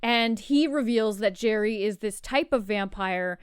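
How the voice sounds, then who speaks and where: A woman's voice: mid-range voice, unhurried, clean tone, dry recording, clean studio sound. A woman co-hosting a podcast, chatting casually and animatedly, laughing and swearing freely. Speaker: podcast co-host. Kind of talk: casual chat.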